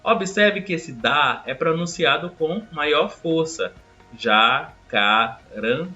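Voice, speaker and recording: A man teaching a recorded grammar lesson, explaining step by step and drawing out example words slowly. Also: a little high, expressive, pushed and bright, muffled recording, faint music behind.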